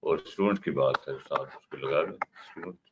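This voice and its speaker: A man teaching an English grammar lesson, explaining step by step and putting questions to his class. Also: very deep voice. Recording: dull, slightly noisy lo-fi recording.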